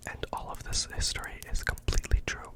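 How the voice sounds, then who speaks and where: A performer in a whispered role-play as a librarian, speaking in a deadpan, mock-earnest way with hesitant asides. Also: fairly quick. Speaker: ASMR performer playing a librarian recommending books.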